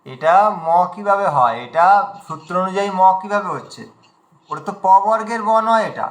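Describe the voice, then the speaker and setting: Patient male recitation teacher on a video call, high and bright, slow demonstrations, echoey room. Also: expressive. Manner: patient, repeats words very slowly to demonstrate; often checks understanding with a question. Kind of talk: online class teaching.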